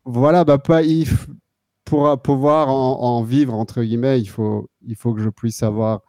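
A man's voice: mid-range voice, steady tone, measured pace, warm tone, dry recording. A man from southern Belgium, a guest on a live stream, talking casually with lots of fillers and restarts. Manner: hesitant, many fillers and restarts. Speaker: guest, synth controller maker.

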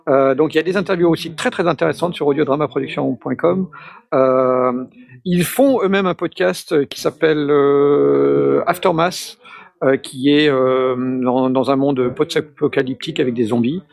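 Gravelly, hesitant French-speaking man. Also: fairly high pitch, moderate pace, darkish tone. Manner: hesitant, many fillers and restarts. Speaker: podcast panelist. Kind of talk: casual chat.

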